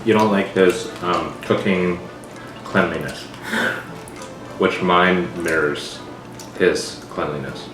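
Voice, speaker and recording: Male home cook, low and relaxed, dry humor, eating chat, echoey kitchen, mic far off, pots and pans behind. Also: slow pace, pauses often, music in the background. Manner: relaxed, dry, talks between bites. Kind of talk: casual eating vlog chat. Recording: echoey kitchen, mic at a distance, clattering dishes.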